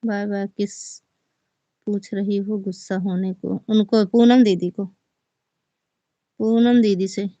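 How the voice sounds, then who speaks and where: A woman's voice: medium pitch, little pitch movement, slow pace, pauses often, mellow, dry recording, lo-fi sound. A woman with an Awadhi accent, a folk singer chatting casually on a live stream and reading viewers' comments aloud before answering them.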